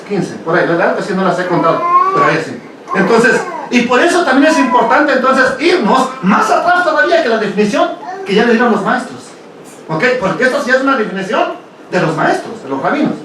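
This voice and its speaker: A high-pitched man teaches a Bible study to his congregation in a relaxed, questioning way. His voice rings through a very echoey hall. It is picked up from well away from the mic, with a faint hiss behind it. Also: recorded from a distance. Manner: conversational, asks rhetorical questions, tags "ok?".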